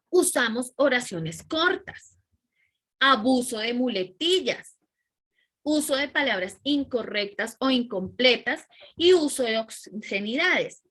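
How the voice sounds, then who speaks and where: A woman teacher giving an animated class and often checking in with her students. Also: a little high. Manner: animated, keeps checking in with "¿sí?" and "¿listo?". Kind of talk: online class lecture.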